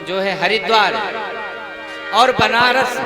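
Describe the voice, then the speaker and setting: A male Bhagavata storyteller with a very high voice tells a live devotional tale. He throws questions to the crowd and breaks into chanted verses. Loud music plays under the recording throughout. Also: slow pace.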